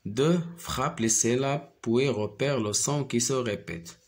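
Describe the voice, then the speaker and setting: A man teaching a phonics lesson to young pupils, repeating each word slowly and clearly. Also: mid-range voice. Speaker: primary school teacher.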